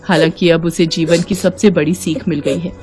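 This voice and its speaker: A woman narrating a cartoon moral story in an even, measured storytelling voice. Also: on the low side, music in the background.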